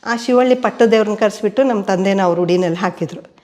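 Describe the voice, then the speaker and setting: Indoors at home, an older woman being interviewed shares family stories in a mid-range voice at a quick pace. She tells them steadily, taking on the voices of the people she quotes.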